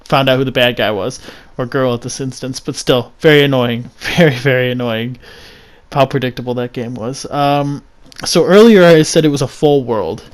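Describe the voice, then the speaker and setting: A man reviewing a video game in a casual, rambling way, giving blunt opinions with frequent restarts and fillers. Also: medium pitch.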